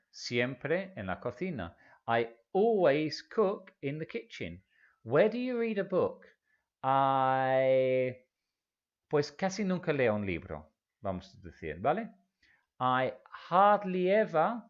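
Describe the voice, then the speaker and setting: Slow, lively-voiced male language teacher. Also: medium pitch, muffled recording. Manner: slow, patient drilling with repeated example phrases. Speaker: English teacher. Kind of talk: language lesson explaining in Spanish.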